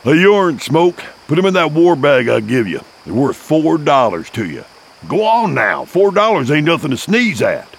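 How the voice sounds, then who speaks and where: A man's voice: a little high, big pitch swings, normal speed, vocal fry, slight background noise, voice pushed up. A man voicing a grizzled old mountain man with folksy, profane frontier speech in an audiobook. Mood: gruff. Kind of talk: audiobook character voice.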